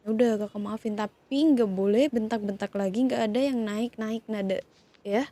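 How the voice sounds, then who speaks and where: A woman in a whispered role-play, calmly scolding and soothing two siblings who have been fighting. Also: mid-range voice, normal speed. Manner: scolding yet soothing, questioning. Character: woman calming partner and his younger sibling fighting. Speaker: ASMR roleplay creator.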